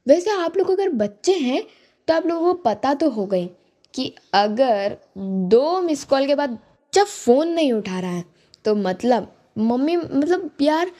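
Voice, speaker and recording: High-voiced teen girl doing stand-up. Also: sing-song, slow pace, dark tone. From India. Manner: chatty, exasperated, storytelling. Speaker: student stand-up performer. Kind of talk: stand-up comedy monologue.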